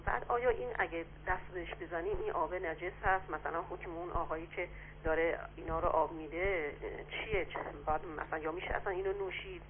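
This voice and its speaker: Female caller, halting and hesitant; lower voice through a thin phone line. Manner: hesitant, many fillers. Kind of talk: phone call-in question. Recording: tinny phone line with faint noise.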